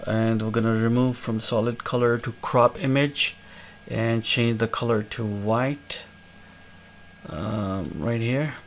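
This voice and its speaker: A man hosting a screen-recorded coding tutorial, explaining each step in a relaxed way with many fillers. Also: medium pitch, takes it slowly, slight background noise. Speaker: tutorial host.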